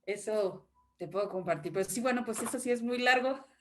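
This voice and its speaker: A woman, an acting teacher giving an animated panel talk with demonstrations and laughing asides over a video call. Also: on the high side, normal speed, a little hiss or hum. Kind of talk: panel presentation.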